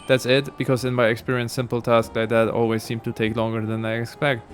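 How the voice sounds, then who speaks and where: A man's voice: mid-range voice, monotone, a little fast, faint music behind, close to an everyday voice. A man reading a naive game adventurer. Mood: earnest.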